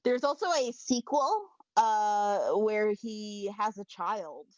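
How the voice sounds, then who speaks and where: A woman talks with a lively, swooping pitch and eager asides. Her voice comes through dull, lo-fi call audio with a dry sound. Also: slow, dry recording. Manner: animated, eager, full of asides. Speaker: cast member on the call. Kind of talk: casual chat. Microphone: video call microphone.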